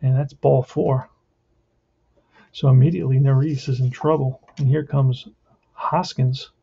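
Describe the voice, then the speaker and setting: A man's voice: medium pitch, fairly even intonation, unhurried, gravelly, breathy edge. A man giving casual play-by-play of a tabletop baseball game, thinking aloud as he plays. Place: indoors at a tabletop. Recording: muffled lo-fi, faint noise with clicks.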